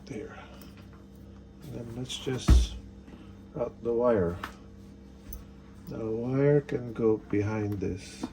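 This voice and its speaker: Walking through an installation step by step, this product demonstrator speaks in short, casual instructional phrases. He talks at medium pitch, very slowly, with long pauses, while music plays in the background alongside faint noise.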